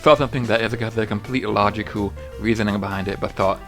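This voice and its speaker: A man's voice: lowish voice, fairly even intonation, fast talker, fairly bright tone, faint music behind. A man co-hosting a podcast in casual chat, laying out theories in a laid-back, matter-of-fact way. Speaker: podcast co-host.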